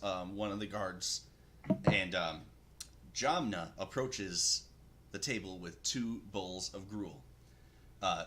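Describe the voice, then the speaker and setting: Male tabletop game master, bright and low-pitched, unhurried narration full of ums, faint hiss under it. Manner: halting, many ums and uhs, laughs often.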